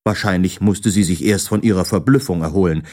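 A man narrating a children's book in an unhurried, expressive storytelling manner. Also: low-pitched. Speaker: audiobook narrator.

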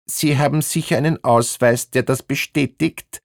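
A woman's voice: very deep voice, moderate pace, creaky, a little mellow, no room sound, clean studio sound, pitched above the performer's own voice, full character voice. A man voicing a relentless, bigoted female ticket inspector who rattles off questions in a clipped, accusatory way. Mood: officious.

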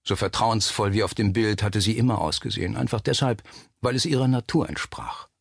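Man, low husky voice, dry close sound, measured suspenseful audiobook narration. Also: no room sound.

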